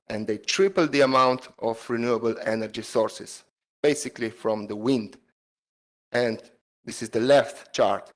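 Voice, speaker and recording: A man, a PhD student, giving an online seminar talk over a video call, halting with many fillers and non-native phrasing. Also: mid-range voice, rough recording.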